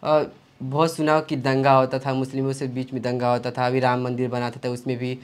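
A young man from Uttar Pradesh speaks hesitantly and reflectively in an interview. His voice is smooth and clear, at an ordinary middle pitch. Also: monotone, brisk. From Bhadohi, Uttar Pradesh, India. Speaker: student interviewee. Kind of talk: casual interview.

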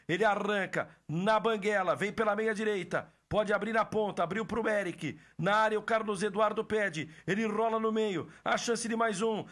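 Brazilian male play-by-play caller, very high bright voice, explosive goal commentary with drawn-out shouts.

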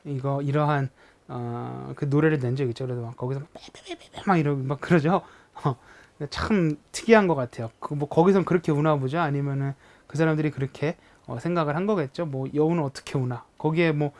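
A young adult teacher leads a recorded language lesson at an easy, unhurried pace. The teacher pauses often on "uh" and acts out sounds to show what each word means. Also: medium pitch, a little mellow. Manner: explains words slowly, imitating sounds to illustrate them; hesitant, with frequent "uh" fillers.

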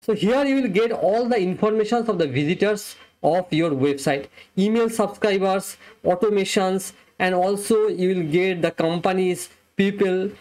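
Young man walking through a software demo. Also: sits high, moderate pace, few pauses. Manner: plain step-by-step explaining. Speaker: software reviewer. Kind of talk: screen-recorded software demo. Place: small indoor room, webcam overlay.

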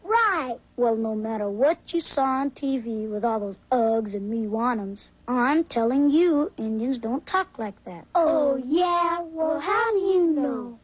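A woman performing a short comic dialogue with a slow, playful back-and-forth delivery. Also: high voice, lively intonation, slightly rough, no echo, full character voice. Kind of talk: comedy sketch dialogue. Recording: dull lo-fi dry sound.

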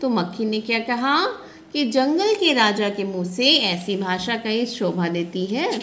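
A woman's voice: fairly high pitch, expressive, measured pace, a bit bright, a little hiss or hum. A young woman teacher who reads a story aloud to children, then explains it again and asks the class questions. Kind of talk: storytelling lesson, reading a textbook to children.

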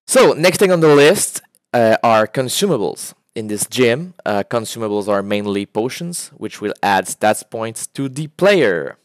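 A man's voice: mid-range voice, lively intonation, measured pace, no echo, studio quality. A man, an indie game developer, casually walking through his game prototype with frequent "uh" fillers. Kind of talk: casual gameplay walkthrough.

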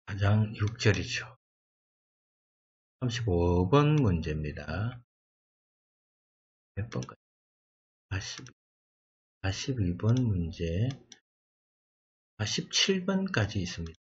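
A man leads a Bible exam review, reading verses word by word and glossing each one as he goes. His voice sits low and a little husky, and his pace is very unhurried. The recording sounds dull and lo-fi. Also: big pitch swings. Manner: slow, deliberate reading of English verses with Korean glosses; thinks aloud and corrects himself. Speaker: exam prep lecturer. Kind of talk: Bible exam question walkthrough.

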